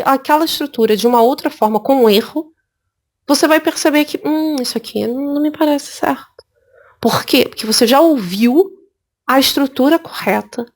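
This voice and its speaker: A woman from Brazil teaching an English exam prep lesson, lively and repeating words for emphasis. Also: high-pitched. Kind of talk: spoken lesson.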